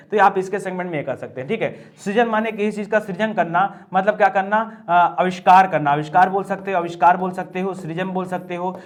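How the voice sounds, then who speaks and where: A male Hindi grammar teacher working through an exam quiz, repeating each answer and checking in with the class again and again. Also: sits high. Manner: drills answers with repeated "ठीक है?" and "दोस्तों". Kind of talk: exam prep lesson.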